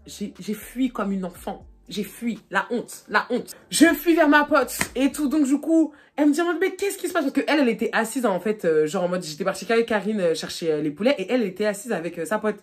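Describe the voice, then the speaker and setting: A young woman vlogger telling a casual storytime, animated and excitable, her voice jumping high when she gets embarrassed. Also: a little fast, few pauses, soft background music. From France. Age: young adult. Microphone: phone camera.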